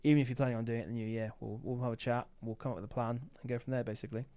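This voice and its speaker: A man's voice: mid-range voice, steady tone, rapid-fire, dark tone, smooth. Tired man rambling on a livestream. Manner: rambling, filler-heavy, thinking aloud. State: tired, sleepy. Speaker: livestream host, Amazon seller. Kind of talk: casual livestream chat.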